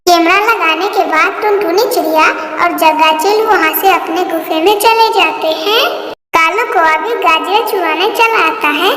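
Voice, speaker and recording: Very high-voiced woman telling a cartoon story. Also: a bit bright. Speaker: narrator. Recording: echoey hall with faint noise.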